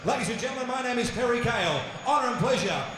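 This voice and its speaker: A man working as master of ceremonies in a booming, ceremonial boxing ring announcer style, stretching out names and phrases. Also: lively intonation, fast talker. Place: large indoor fight venue, over PA. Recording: very echoey arena PA, noisy venue.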